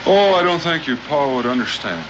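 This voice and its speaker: An actor playing a steady, principled frontiersman in a 1960s TV western, with a plain-spoken, folksy cowboy manner. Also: fairly high pitch, a little fast. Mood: earnest. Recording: muffled, noisy old TV soundtrack.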